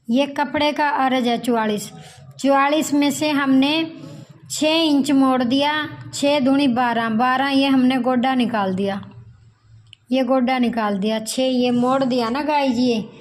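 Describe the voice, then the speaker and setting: A woman teaching tailoring in a slow, repetitive sewing tutorial, counting measurements aloud as she cuts fabric. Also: high voice, low-quality recording.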